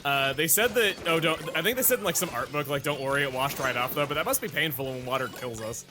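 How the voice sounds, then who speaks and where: A man commentating a video game, excitable, swinging from mumbled asides to loud shouts. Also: a little high, fast talker. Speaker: let's play commentator. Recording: game music behind the voice. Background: game music.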